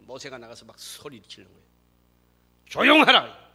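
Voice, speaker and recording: A man preaching a sermon as pastor, moving between quiet asides and loud, shouted exhortations. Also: a little high, expressive, normal speed. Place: church sanctuary.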